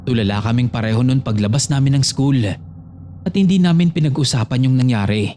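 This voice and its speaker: A man's voice: mid-range voice, a little fast, mellow, slight background noise. A man narrating a true horror story submitted by a listener, reading it in the first person as a scripted storytelling piece. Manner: storytelling, reads a listener's letter addressed to the host.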